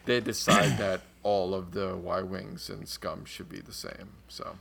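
Gravelly-voiced American man rambling on a podcast. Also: deep voice, steady tone, unhurried, fairly bright tone. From United States. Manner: rambling, restarts often, swears casually. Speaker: podcast co-host. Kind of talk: casual podcast chat about a tabletop game.

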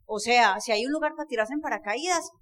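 Motivational speaker, woman, middle-aged, high voice, jokey and direct with the audience. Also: lively intonation, fast talker, a bit bright. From Colombia. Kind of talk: storytelling talk to an audience.

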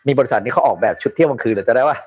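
A man's voice: medium pitch, lively intonation, very fast, darkish tone, lo-fi sound. A man co-hosting a casual talk show, often murmuring agreement. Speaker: co-host.

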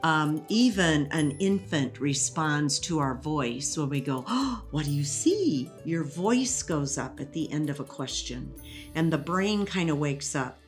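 A woman with a low voice talks through ideas in a patient, teacherly way. She explains step by step and laughs easily, and faint music sits quietly under her. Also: measured pace. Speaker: educator guest. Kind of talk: conversational interview.

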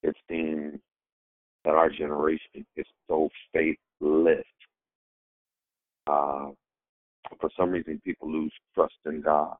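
Very deep, hoarse male pastor over the phone. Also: flat delivery. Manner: halting, searching for words. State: hoarse voice from a coming cold. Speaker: pastor giving the declaration. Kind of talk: informal sermon on a prayer call. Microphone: telephone. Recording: tinny phone conference line, roomy echo.

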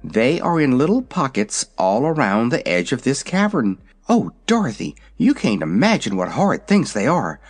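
A storybook reader voicing a frightened pet kitten who talks quickly and in alarm. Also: mid-range voice, wildly swooping pitch, faint music behind. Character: frightened pet kitten, sharp-eyed and blunt.

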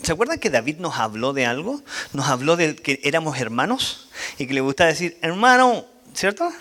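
Man teaching the Bible in an animated way, with a high, bright voice. Keeps asking the group questions. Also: fairly quick. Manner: animated, asks the audience questions. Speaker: church teacher.

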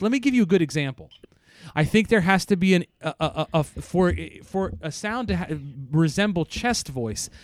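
A man's voice: high-pitched, smooth, no room sound, clean studio sound. A man co-hosting a casual podcast, explaining voice science terms and thinking aloud with frequent restarts. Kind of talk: casual technical discussion.

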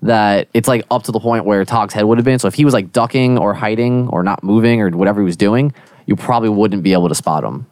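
Smooth-voiced easygoing game master. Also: male voice, fairly low pitch, fast, no room sound, studio quality. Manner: relaxed, easygoing, frequent "cool" and "um". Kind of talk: narrating a tabletop game.

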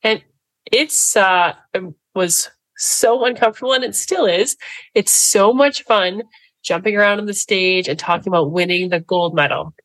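A Canadian woman in her forties appears as a guest speaker in a candid interview, sharing personal stories with earnest animation and laughing through the hard moments. She speaks at normal speed with a medium pitch, though the audio is poor.

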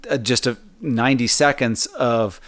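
Man, podcast co-host, casual banter, hesitant restarts, skeptical, mid-pitched. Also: steady tone, normal speed, a bit bright. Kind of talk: casual comedic couple chat.

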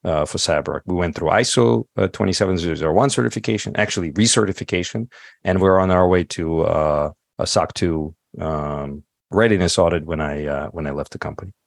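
This very low-voiced, middle-aged man, whose first language isn't English, answers as a podcast guest in a relaxed, thoughtful way, often pausing on fillers and starting over. His delivery is brisk and creaky. The audio is close-miked and dry, without any echo.

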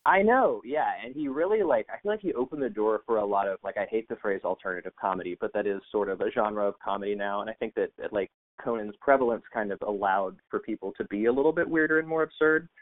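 A man's voice: fairly low pitch, lively intonation, fast talker, hardly any pauses. A man from the United States, a podcast guest, chatting casually with many fillers and restarts over a remote call. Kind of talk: casual interview chat. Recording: tinny phone-like line.

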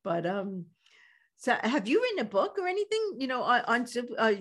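A woman's voice: fairly high pitch, big pitch swings, normal speed, a bit bright. A woman with a Brooklyn accent, chatting casually as a podcast host in a conversational interview.

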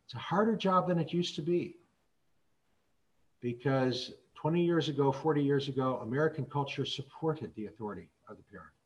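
A middle-aged man, a physician, telling stories in a public talk in an earnest, measured way. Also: mid-range voice, rough recording. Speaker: physician and speaker.

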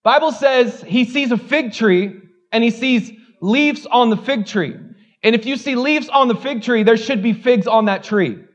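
In a muffled recording, a man with an extremely high-pitched voice preaches a little slowly from the pulpit as pastor. His tone is open and conversational, full of self-deprecating humor and repeated "like" fillers.

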